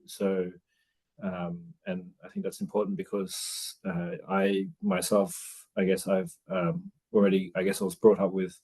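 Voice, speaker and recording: Thoughtful forty-year-old man, low voice. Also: very animated, unhurried, gravelly, a little mellow, husky. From Australia. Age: 40s. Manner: thoughtful, hesitant, many restarts and fillers. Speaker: interview guest, new father. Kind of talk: casual interview conversation.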